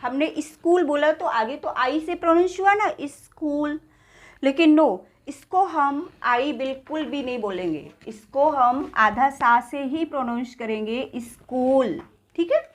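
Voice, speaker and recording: ऊँची आवाज़ वाली धीमी शिक्षिका. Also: female voice, sits high. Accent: Indian English. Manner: slow, repeats each word and checks with "ठीक है?". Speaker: English teacher. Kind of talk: spoken English lesson.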